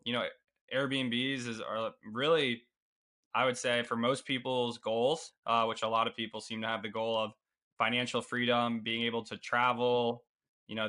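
A man who is a guest on a podcast, answering casually and haltingly, with many "uh"s and restarts. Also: mid-range voice, pushed and bright. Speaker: podcast guest, rental investor.

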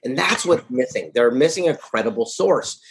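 A man speaking as an interview guest, his voice sitting in a middle pitch. He sounds upbeat and punchy, making his points in a blunt, casual way. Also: expressive, moderate pace. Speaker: guest, author and event founder. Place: Carlsbad, California.

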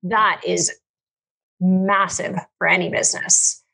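A woman's voice: on the low side, level tone, slow pace, vocal fry, sharp tone, breathy edge. A woman co-hosting a business podcast, talking earnestly and repeating her key points for emphasis. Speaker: podcast co-host, business coach. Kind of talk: casual chat.

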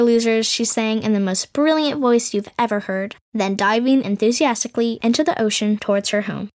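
A woman telling a fairy tale as the show's storyteller in scripted narration, with playful, sarcastic asides. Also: a little high.

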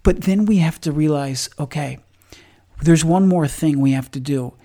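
A man's voice: fairly high pitch, normal speed, dark tone. Man giving an emphatic, repetitive Torah pep talk. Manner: emphatic, repetitive, builds with stacked phrases. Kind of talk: motivational religious talk.

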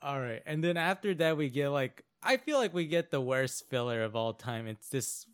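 A man's voice: medium pitch, expressive, normal speed, clean tone. A man casually recapping anime episodes as a podcast co-host, telling it loosely with lots of "like" and fillers. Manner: casual storytelling with many fillers and playful quoted voices.

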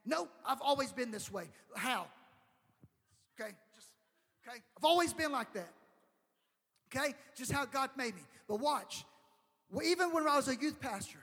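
A young man preaching, his very high voice rising and falling in a chanted cadence. He often slips into quick, low-key asides to the congregation. The long reverb of a church hall trails every phrase. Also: fairly bright tone. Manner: shifts into fast, low, conversational asides. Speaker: pastor. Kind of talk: sermon.

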